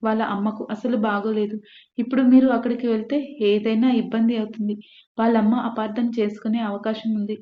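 A woman's voice: a little high, flat delivery, brisk, lightly acted. A woman reading the part of a polite, hesitant college student. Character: cautious female college student friend. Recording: echoey room, dull lo-fi.

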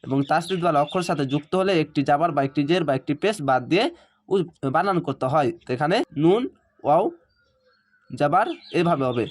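Guy teaching quran reading, kinda high voice, spells out syllables slow then talks quick. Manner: spells out Arabic syllables slowly, then explains in quick conversational asides. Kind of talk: spelling-out recitation lesson.

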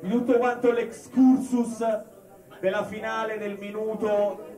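High-pitched man hosting in echoey club. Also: level tone, a little slow, warm tone. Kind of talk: loud live event hosting. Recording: echoey club, far from mic, noisy crowd. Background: club crowd.

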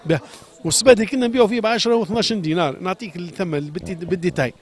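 A man's voice: high-pitched, very fast. A man from Sfax with a Tunisian Arabic accent, a shoemaker pouring out an impassioned, agitated complaint in a street interview, repeating his questions and pleading.

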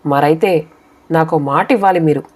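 A woman's voice: deep voice, moderate pace, a little mellow, husky. A woman voicing an earnest worried wife. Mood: firm. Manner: earnest, reasoning. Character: worried wife pleading with husband.

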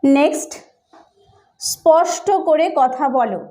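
Bengali-accented woman, high voice, patient phrase-drilling English tutor for beginners. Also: warm tone. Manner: slow, carefully drilled repetition of phrases. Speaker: English teacher. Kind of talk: spoken English lesson for beginners.

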